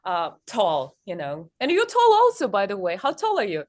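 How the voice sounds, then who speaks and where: A young woman from Kazakhstan, a guest chatting in an interview on stage, speaking haltingly with many fillers. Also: mid-range voice, huge pitch swings.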